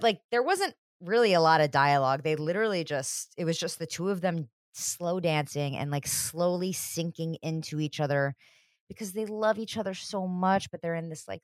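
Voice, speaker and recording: A woman's voice: on the low side, no echo, studio quality. A young woman co-hosting a casual chat, gushing and self-mocking about a TV scene. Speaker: podcast co-host. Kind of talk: casual chat recapping a TV show.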